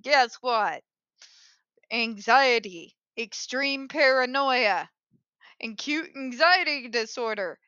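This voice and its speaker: A woman's voice: high-pitched, pushed and bright, clean tone, dry recording, highs cut off. A woman hosting an opinionated commentary show in a polished call-center phone voice, speaking in a blunt, sarcastic, emphatic way. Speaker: host of an advocacy commentary show.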